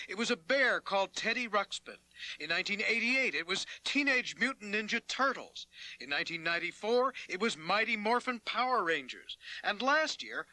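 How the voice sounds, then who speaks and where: High, lively American male TV news reporter. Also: low-quality recording. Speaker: news correspondent. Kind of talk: scripted TV news report narration in news anchor manner. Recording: clear background noise, 1990s TV news report.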